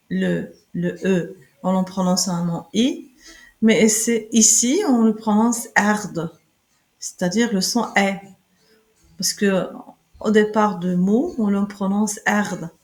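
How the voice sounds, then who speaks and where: A woman gives a German pronunciation lesson, explaining letters and words in a very slow, halting way, with fillers and restarts. Her voice sits at a middle pitch. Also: a little mellow, low-quality recording. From Morocco. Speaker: German teacher.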